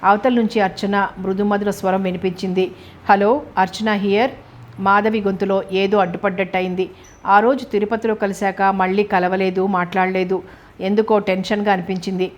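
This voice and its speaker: Even-toned woman audiobook narrator. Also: medium pitch, a little fast, dull audio. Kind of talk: scripted narration.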